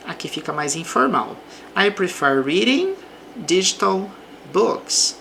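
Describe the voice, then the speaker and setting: Woman English teacher, Brazilian accent, low voice, lively intonation, faint background hiss. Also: vocal fry. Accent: Brazilian Portuguese. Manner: reads English example sentences slowly, then explains in Portuguese. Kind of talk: slow explanatory language lesson.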